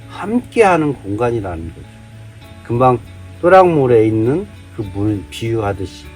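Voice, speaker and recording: This vlogger from Jeolla, South Korea, speaks in a mid-range, slightly mellow voice. His casual monologue is a heated day-drinking rant, full of rhetorical questions fired off one after another.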